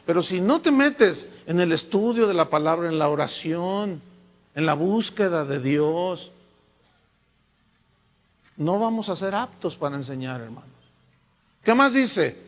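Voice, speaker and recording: A man with a Mexican Spanish accent preaching a sermon as a pastor, lively and full of rhetorical questions to the congregation. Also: high voice, a little slow, long pauses. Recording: long reverb from a large hall.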